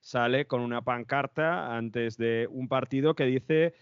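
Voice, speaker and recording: A male interviewer with an accent from Spain talks in a conversational, explanatory way. His pitch is medium. The recording is very dry and a little dull. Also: measured pace, clear, resonant tone, no echo. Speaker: interviewer, show host.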